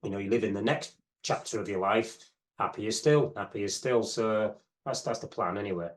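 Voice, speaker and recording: This is a man in his fifties, a fitness expert appearing as a guest in an interview. He speaks in a reflective, unhurried way and often drifts into "you know" as he thinks aloud. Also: lowish voice. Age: 50s. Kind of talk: casual interview chat.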